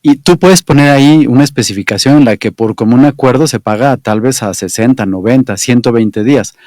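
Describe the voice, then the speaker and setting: Man, podcast host, agreeable, mid pitch, dry close sound. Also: fairly quick, a little mellow, dry recording. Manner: agreeable, interjecting. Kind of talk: conversational interview.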